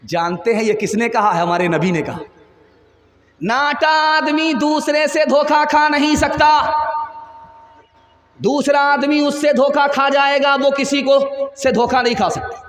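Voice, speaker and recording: Brief: high-pitched male preacher telling funny stories, long hall reverb. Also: unhurried, a bit bright. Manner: storytelling with sung verse lines. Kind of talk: humorous sermon.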